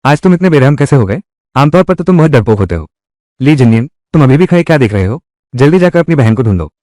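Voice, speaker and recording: A man narrating a dubbed drama recap, speaking every part in the same voice. His pitch sits mid-range but moves up and down. The sound is dry and close, with no echo. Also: sing-song, quick pace, a little mellow. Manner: reads every part in one voice. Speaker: dubbing narrator. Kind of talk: Hindi drama recap dubbing.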